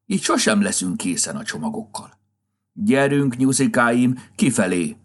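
A man's voice: lowish voice, slightly rough, exaggerated voice. A man voicing a grumpy, flustered old Santa Claus in a storybook reading, with a scolding, impatient manner. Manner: scolding, then tender and excited.

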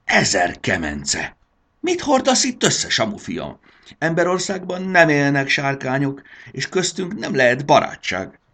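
A man's voice: lowish voice, huge pitch swings, gravelly, a bit bright, voice pushed up, heavily acted. A man doing a roaring, furious mother dragon. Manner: roaring, scolding. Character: grumpy, fierce mother dragon.

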